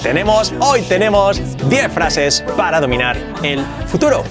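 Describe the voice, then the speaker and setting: A man's voice: high voice, sing-song, measured pace, over music. A man with a Spain Spanish accent teaching English as a video lesson, emphatic and repeating example sentences.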